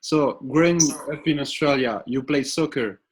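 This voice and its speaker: A male interviewer asking questions in a halting way, with frequent hesitations. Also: medium pitch, slight background noise. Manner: halting, with many "uh" fillers.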